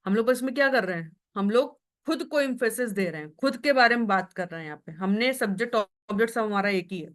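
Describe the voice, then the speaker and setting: A woman tutor teaching English grammar in Hindi in an online class, reading English example sentences slowly and often asking whether it is clear. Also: fairly high pitch, animated. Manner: checks in with students often.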